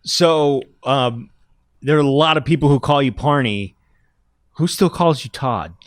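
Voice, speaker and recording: A man hosts a relaxed podcast interview, with short prompts and easy laughter. His voice is recorded dry, with no room sound. He speaks at an ordinary male middle pitch. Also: a little slow, dry recording. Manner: easygoing, laughs along, brief prompts. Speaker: podcast host.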